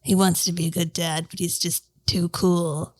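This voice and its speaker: A woman player chatting casually with a slow, deadpan delivery. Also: fairly low pitch, no echo. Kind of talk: casual chat.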